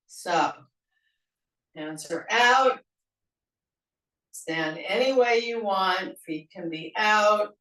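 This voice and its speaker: Slow, gentle woman leading a yoga class. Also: on the low side. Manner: slow, gentle cueing with playful laughter exercises. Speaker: senior yoga instructor. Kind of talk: guided exercise class instruction. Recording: echoey room, mic at a distance.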